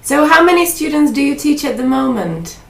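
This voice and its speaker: A woman who teaches English and hosts a video blog, presenting in a clear, measured way and asking interview questions. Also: high voice, very animated, far from the mic. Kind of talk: scripted intro, then interview questions.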